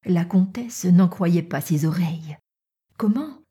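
A woman reading a classic novel aloud as an audiobook narrator, softly and at times half-whispered. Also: fairly low pitch, a little slow, husky. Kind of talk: scripted narration.

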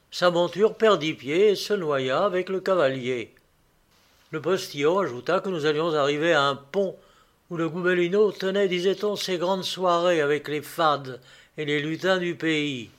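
Man reading a literary tale. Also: a little high. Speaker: narrator.

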